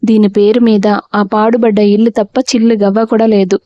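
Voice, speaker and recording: A woman's voice: mid-range voice, level tone, normal speed, no room sound, close to an everyday voice. A woman reading as a harsh scolding mother-in-law. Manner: scolding, shouting insults. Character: greedy, harsh middle-aged mother-in-law. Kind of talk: audio storybook reading. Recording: dull, dry lo-fi recording.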